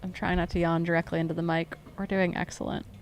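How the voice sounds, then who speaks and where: A woman's voice: lowish voice, flat delivery, fast, slight background noise. A woman commentating a live trail race, chatty and upbeat, often correcting herself.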